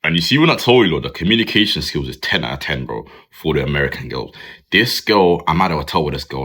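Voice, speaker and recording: A young man with a British accent tells dating stories straight to camera, animated and casual, ending his lines with "bro". His voice sits very deep, with a bright, forceful edge and a husky grain. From United Kingdom.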